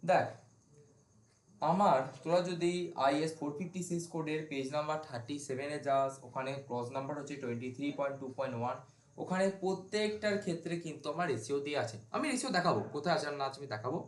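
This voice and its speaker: A man's voice: on the high side, fast, echoey room. A male teacher giving an informal whiteboard lecture to students, asking questions and then answering them himself. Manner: informal, asks and answers his own questions. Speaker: civil engineering teacher.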